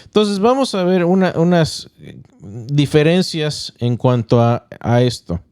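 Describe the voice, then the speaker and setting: Mellow, smooth-voiced male pastor teaching. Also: fairly high pitch, animated, no room sound, clean studio sound. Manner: explains point by point, checks in with listeners; measured, with small stumbles and restarts. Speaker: pastor and podcast host. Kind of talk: teaching podcast talk.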